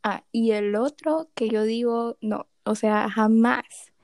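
A woman's voice: on the high side, takes it slowly, creaky, darkish tone, no echo. A young woman host, chatting playfully and tossing in English exclamations. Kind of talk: casual chat.

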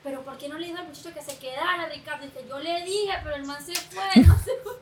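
A woman's voice: high-pitched, fast, heavy background noise. A woman, telling a story in casual chat and acting out the voices of the people she quotes. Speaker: podcast co-host.

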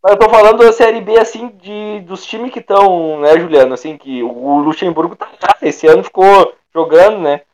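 A man giving his opinions in a casual football debate, halting and restarting often. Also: high voice, darkish tone. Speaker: football pundit.

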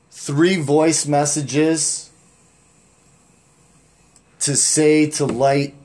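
A man's voice: medium pitch, darkish tone. A man hosting a podcast, joking around with crude, profane banter. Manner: joking, profane, playful trash talk. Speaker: podcast host.

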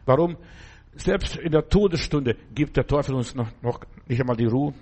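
A man's voice: mid-range voice, normal speed, darkish tone, breathy edge. A man preaching a sermon who addresses listeners directly and often checks with them, acting out cries for help in a raised voice.

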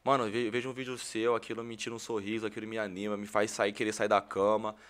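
A young man in his twenties with a Brazilian Portuguese accent, a podcast guest chatting casually, slangy and animated as he tells stories. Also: lowish voice, fast talker, clear, resonant tone. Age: 20s. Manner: animated storytelling, heavy slang, acts out quoted voices. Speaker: podcast guest, content creator.

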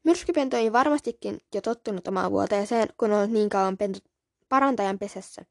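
Gravelly-voiced woman reading a book aloud. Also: mid-range voice, dry recording, clean studio sound. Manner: casual and a little apologetic in asides. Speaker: podcast host reading a book. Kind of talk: book reading with casual asides.

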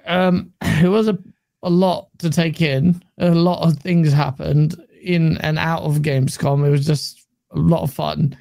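Male podcast guest, gravelly, giggly, stammering; dry sound. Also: on the high side, mellow, dry recording. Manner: laughs often, stammers and restarts. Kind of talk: casual podcast chat.

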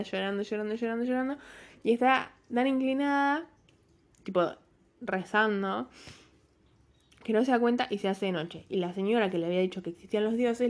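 Woman book vlogger, chatty and rambling, self-mocking, mid-pitched voice. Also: darkish tone. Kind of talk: casual book recommendation vlog.

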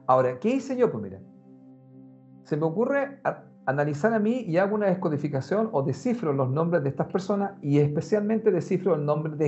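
A man, talking in a casual, animated way and speaking straight to the listener. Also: on the high side. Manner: animated, conversational, addresses the listener directly. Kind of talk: casual explanatory talk. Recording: muffled lo-fi sound with faint music.

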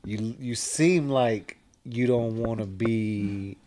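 A man's voice: mid-range voice, slow pace, mellow. A man, interviewing casually in a laid-back, slangy way. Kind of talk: casual chat.

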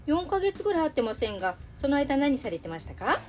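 A woman playing a cheerful female radio host who is polite and bright on air but turns rough and blunt off air. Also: high voice, big pitch swings, quick pace. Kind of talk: comedy radio sketch.

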